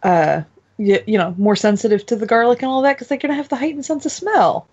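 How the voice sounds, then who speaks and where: A female guest chats casually on a movie podcast, leaning on plenty of fillers. Her voice sits a little high. The recording sounds dull and lo-fi. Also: quick pace, a little mellow, breathy edge. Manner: chatty, filler-heavy.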